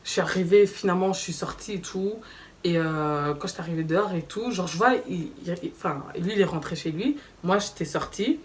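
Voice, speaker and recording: A young woman with a lowish voice tells a story in a casual vlog, slangy and animated, acting out what people said. She sits a little back from the mic, and faint background noise runs under her voice. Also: a little fast, far from the mic. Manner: animated, slangy, acts out quoted dialogue. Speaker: vlogger.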